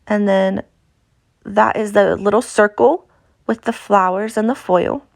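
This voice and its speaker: A woman's voice: mid-range voice, fairly even intonation, measured pace, vocal fry, no room sound, clean studio sound. A woman with an Appalachian accent talks through a craft tutorial in a casual, chatty, informal way. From Appalachia, United States. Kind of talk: casual instructional craft voice-over.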